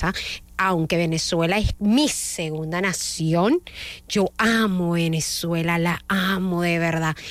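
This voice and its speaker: A woman's voice: medium pitch, no echo. A Dominican woman hosts a morning radio music show, chatting freely with fillers and self-corrections. Her voice sits in a middle register for a woman. The studio sound is dry and close. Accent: Dominican Spanish. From Dominican Republic. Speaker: radio host.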